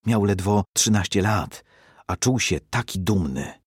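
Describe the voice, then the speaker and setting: Male storybook narrator, expressive, dry close sound. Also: lowish voice, a little slow, breathy edge, dry recording.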